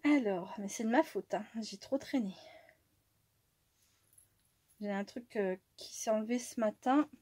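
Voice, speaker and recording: A French-speaking woman chatting casually as she opens her mail, easily delighted, laughing often and sometimes dropping to a soft whisper. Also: mid-range voice, unhurried, pauses often, dry recording. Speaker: crafting channel host. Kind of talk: casual chat while opening mail.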